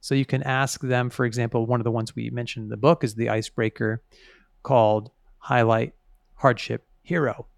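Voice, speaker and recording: Guy explaining stuff in an interview, creaky gravelly voice, really dry sound, stresses key words. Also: medium pitch, fairly even intonation, moderate pace, no room sound. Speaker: author interviewed as a guest.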